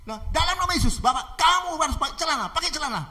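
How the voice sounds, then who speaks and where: A man acting out a young woman who loudly and firmly stands her ground. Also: sits high, sing-song, very fast, heavily acted. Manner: firm, loud declaring.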